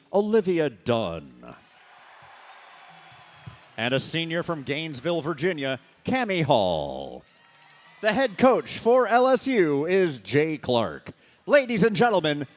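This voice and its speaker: Slow, booming male stadium announcer. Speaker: arena PA announcer. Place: large indoor sports arena.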